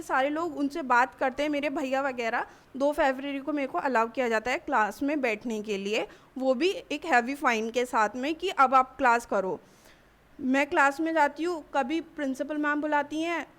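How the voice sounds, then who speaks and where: A young college student with a notably high-pitched voice gives a personal account in a news interview. She speaks haltingly, often breaking off and starting her sentences again. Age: young adult. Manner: halting, with frequent restarts. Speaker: college student giving testimony.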